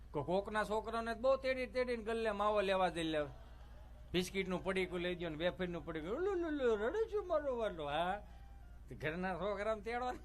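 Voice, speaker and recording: A middle-aged male stand-up comedian, telling folksy, teasing jokes to a live audience with preachy asides. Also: sits high. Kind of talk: Gujarati stage comedy monologue. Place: stage before a live audience.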